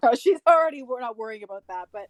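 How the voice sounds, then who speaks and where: A woman's voice: a little high, animated, rapid-fire, dry recording. Giggly woman player, dry sound. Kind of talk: casual tabletop role-play chat.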